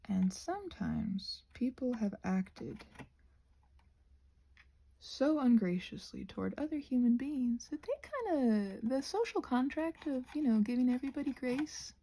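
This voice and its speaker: Her high, soft, breathy voice often fades into a whisper as she rambles through an ASMR crafting session, musing to herself and soothing the listener. A slight hiss or hum runs beneath the sound.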